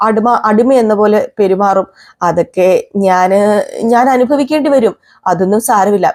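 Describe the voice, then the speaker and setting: A woman's voice: mid-range voice, darkish tone, natural voice. Woman voicing Sachi, proud defiant driver. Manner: indignant, defiant speech. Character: Sachi, proud young working-class man, driver. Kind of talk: retelling a serial scene.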